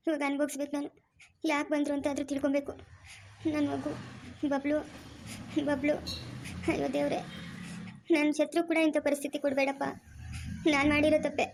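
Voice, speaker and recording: Woman doing a remorseful young pregnant wife, fast talker, high voice, family drama. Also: a little mellow. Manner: plaintive, self-blaming.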